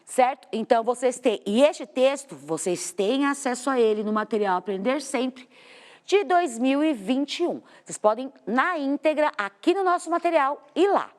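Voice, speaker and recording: Lively high-voiced Brazilian woman teaching. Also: normal speed. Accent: Brazilian Portuguese. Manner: explains step by step, asks the class questions. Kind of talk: televised classroom lesson. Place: TV studio. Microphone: studio microphone.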